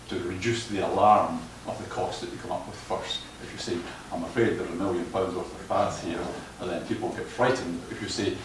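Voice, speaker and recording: A man giving a lecture on footpath management and answering questions, often stumbling and repeating words. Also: sits low. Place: lecture hall. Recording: echoey hall, distant mic, noise.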